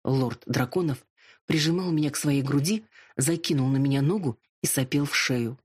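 An audiobook narrator reading a first-person story in an even, measured manner. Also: medium pitch, husky.

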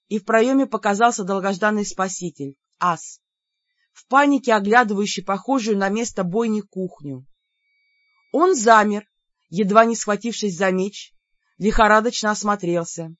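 A woman reading a fantasy novel in the first person as audiobook narrator, in a lively storytelling way. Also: mid-range voice, normal speed, dry recording, lo-fi sound.

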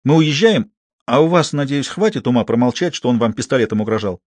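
A man's voice: medium pitch, lively intonation, fairly quick, a little mellow, no echo, lightly acted. A man voicing a brash, bossy middle-aged woman who barks orders at her companions. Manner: bossy, barking commands.

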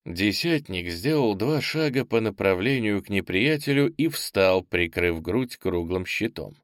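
A man reading a fantasy audiobook in steady, measured scripted narration. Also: on the low side, no echo, clean studio sound.

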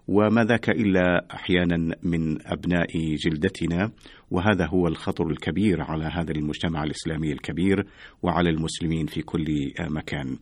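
A man hosting a live radio programme in formal standard Arabic, often pausing on drawn-out hesitations. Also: low voice, no room sound. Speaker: radio host. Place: radio studio.

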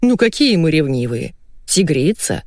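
A smooth, placating husband who coos pet names and waves worries away, voiced by a woman reading aloud. The delivery rises and falls with animated swings. The sound is dry and close. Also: sits low, unhurried, no room sound, exaggerated voice. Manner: cooing, placating. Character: smooth-talking husband, adult man, soothing. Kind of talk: audiobook reading.

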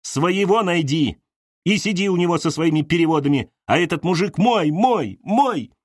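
A man's voice: lively intonation, unhurried, a little mellow, no echo, clean studio sound. A man reading an audiobook voices a hysterical, jealous young woman who shrieks her accusations. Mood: furious. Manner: shrill, sobbing and screaming accusations.

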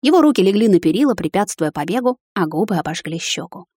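A woman narrating a first-person fantasy romance audiobook in a quiet, even manner. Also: mid-range voice, fast, slightly rough, dry recording, studio quality.

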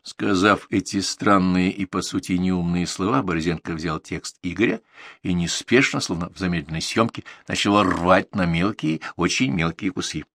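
A man narrating a novel as an audiobook, reading in an expressive storytelling manner. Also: low-pitched, moderate pace, dry recording, clean studio sound. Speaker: audiobook reader. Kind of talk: scripted narration.

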